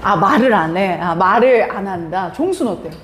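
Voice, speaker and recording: A woman's voice: mid-range voice, brisk. A woman English teacher giving a live classroom lesson, quizzing and teasing her students as she goes. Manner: lively, questioning students, teasing. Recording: echoey classroom with faint hiss.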